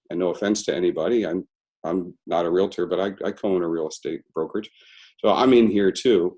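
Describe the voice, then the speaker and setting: A middle-aged man, a company founder, telling his story as an interview guest and stressing key words with sudden jumps in pitch. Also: warm tone.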